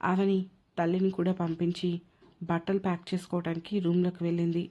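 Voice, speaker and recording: A woman storyteller reading the narration of an emotional audio drama in a steady, even way. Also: on the low side, brisk. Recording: dull lo-fi recording.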